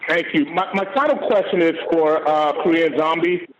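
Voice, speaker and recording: A man, a reporter asking questions over a phone line in halting, hesitant phrases. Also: on the high side, crowd noise. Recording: muffled phone line with faint noise.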